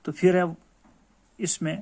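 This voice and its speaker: A male school teacher with a Kashmiri accent gives a grammar lesson, explaining patiently and calling his pupils dear children. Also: a little mellow.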